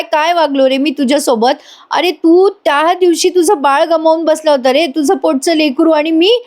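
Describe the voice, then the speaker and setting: A guilt-ridden father scolds and begs his son in the same breath, his voice high and cracking with feeling, as a woman retells the scene. He stumbles over his words, repeating himself as the remorse spills out. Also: a little mellow.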